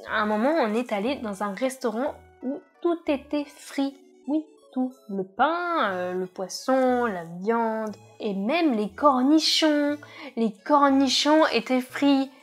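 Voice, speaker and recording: A woman's voice: high voice, slow pace, soft background music. A young woman from France telling travel stories to camera in a casual, chatty way, with frequent hesitations and wry asides. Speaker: vlogger.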